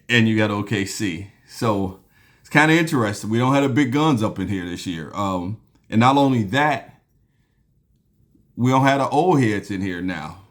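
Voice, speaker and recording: A man hosting a basketball talk show, chatting casually and loosely, with lots of ums and restarts, sipping a beer as he goes. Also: on the low side. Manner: relaxed, rambling, with frequent ums and restarts; sipping a beer while talking. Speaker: basketball podcast host. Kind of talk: casual solo sports talk.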